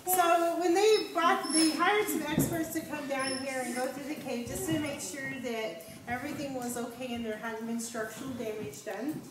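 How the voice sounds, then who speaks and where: A high-pitched American woman gives guided-tour commentary. She is some distance from the mic in a cave with heavy echo, and there is clear background noise. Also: steady tone, moderate pace. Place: inside a show cave.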